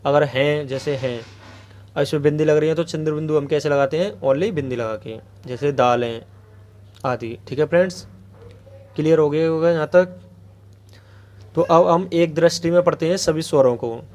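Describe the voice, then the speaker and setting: A man's voice: fairly high pitch, moderate pace, long pauses, darkish tone. A man teaching an exam-prep grammar lesson, asking questions aloud and answering them himself, with frequent check-ins to viewers. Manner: asks rhetorical questions then answers them; repeats a check-in phrase to viewers.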